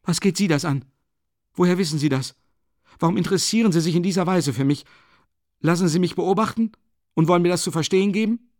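Male reader doing a suspicious young student, high, agitated, restless delivery. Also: fast, long pauses, a little mellow, dry recording, studio quality, lightly acted. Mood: defiant. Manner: raised, agitated, accusing. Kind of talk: audiobook character voice.

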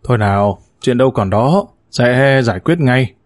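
A man voicing a gruff older brother who coaxes his younger sibling in a low, subdued voice, read as part of a story. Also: expressive, normal speed, close to an everyday voice. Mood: coaxing.

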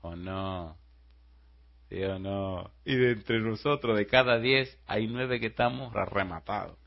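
A man preaching a sermon as pastor. He tells stories quietly and then rises into loud rhetorical questions to the congregation. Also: on the low side, measured pace, creaky, highs cut off.

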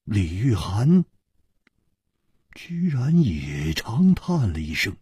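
A male storyteller with a dramatic, drawn-out delivery. His husky, fairly low voice swings widely in pitch and moves slowly, recorded dry and close. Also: huge pitch swings, warm tone, no room sound. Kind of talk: traditional storytelling narration.

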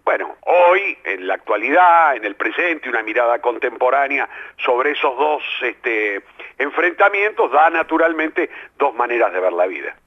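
An older playwright and theatre director with a Rioplatense Spanish accent answers radio interview questions at a moderate pace in a mid-range voice. He's reflective yet lively, packing his answers with fillers, and the broadcast sounds lo-fi.

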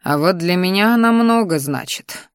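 A woman voicing a possessive young male dragon shifter, lowering her voice into a slow growl. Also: animated, smooth, no echo, studio quality, lightly acted. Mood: brooding.

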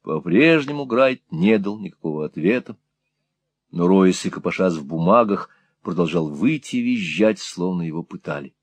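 A man narrating a classic novel as an audiobook with expressive, dramatic storytelling. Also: sits low, normal speed, slightly rough, dry recording.

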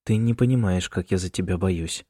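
A man's voice: low-pitched, normal speed, mellow, husky, no room sound, clean studio sound. A male narrator voicing a worried middle-aged mother who keeps fussing over her son in an audiobook. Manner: anxious, insistent and fussing.

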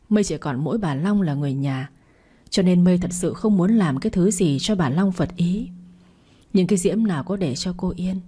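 A woman's voice: on the low side, mellow, husky. A woman narrating a family story aloud, reading every character's quarrelsome lines herself. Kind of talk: storytelling narration with acted dialogue.

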